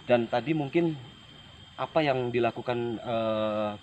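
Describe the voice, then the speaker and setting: A man narrating a night ghost-hunting vlog to viewers outdoors, speaking in a halting, repetitive, uneasy way. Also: medium pitch, a little mellow, highs cut off. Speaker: paranormal exploration vlog host. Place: outdoors at night, rural site. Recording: noisy outdoor location recording.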